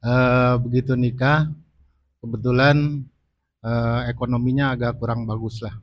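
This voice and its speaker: A man's voice: mid-range voice, fairly even intonation, unhurried, dry recording, dull audio. Hesitant man asking a question, dry sound. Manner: hesitant, many fillers. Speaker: audience member asking a question.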